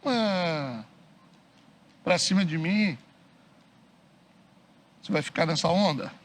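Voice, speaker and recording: A man's voice: a little high, animated, slow pace. A middle-aged man with a Brazilian Portuguese accent, preaching a conversational sermon as pastor, often asking the congregation for agreement and mimicking quoted people. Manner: acts out quoted churchgoers in mocking voices; frequent tag questions to the congregation. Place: church hall.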